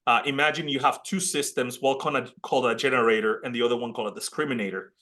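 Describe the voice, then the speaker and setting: Racing through his webinar with fairly even intonation, a college dean from Puerto Rico speaks in a bright, mid-range voice with a Puerto Rican Spanish accent. The man, in his thirties, is casual and chatty, with many restarts and "uh" fillers, and comes through a computer mic on a video call.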